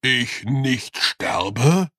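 A gentle giant of a yeti rumbles out his words very slowly, as a man puts him on. He jumbles his word order like a creature new to speech. The storybook sound is dry and close. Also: lively intonation, dry recording, full character voice. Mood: ponderous. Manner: slow, odd word order.

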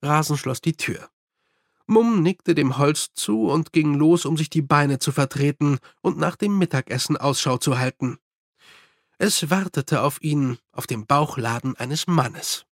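A man's voice: fairly high pitch, unhurried, no room sound. Dry-voiced male audiobook narrator. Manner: steady storytelling. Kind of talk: scripted narration.

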